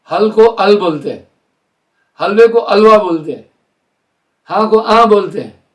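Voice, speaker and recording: Older male spiritual teacher, high voice, deliberate explainer, mic at a distance. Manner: deliberate, explanatory, slows to spell out sounds. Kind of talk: live spiritual discourse.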